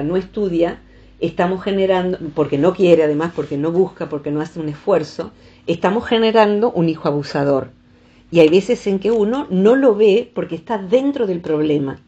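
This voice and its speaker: A woman with a low, warm voice talks things through slowly and reflectively. She calls in to a radio show, and the line sounds dull and muffled. Her speech is gentle, and she explains with everyday examples. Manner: reflective, uses images and examples. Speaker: psychologist guest. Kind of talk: calm explanatory radio talk.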